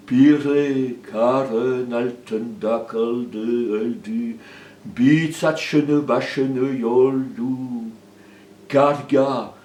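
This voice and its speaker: An old weeping willow sighs its sorrow in a low, hushed voice, as a male storyteller puts it on. He takes his time, and the echoey room is heard from a distance. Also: slight background noise. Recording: roomy echo, mic far off.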